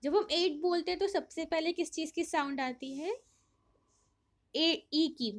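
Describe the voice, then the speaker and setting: A woman's voice: extremely high pitch, unhurried. A woman teacher explaining a worksheet to young children, reading English lines and then explaining them in Hindi, asking questions and answering them herself.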